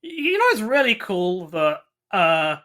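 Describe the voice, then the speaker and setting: A woman co-hosting a podcast in casual, comedic chat who often halts and restarts mid-sentence and throws in quick asides. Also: mid-range voice, very animated, fairly bright tone. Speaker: podcast co-host.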